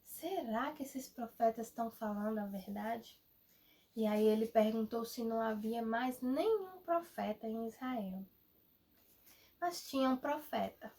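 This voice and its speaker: Woman teacher telling children a Bible story. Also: a little high. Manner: animated, addresses children directly. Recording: voice a bit far from the mic.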